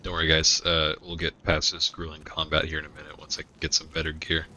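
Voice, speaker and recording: Deep-voiced joking male streamer. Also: monotone, quick pace, noisy background. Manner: sarcastic, joking asides. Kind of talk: casual gameplay commentary. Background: game music.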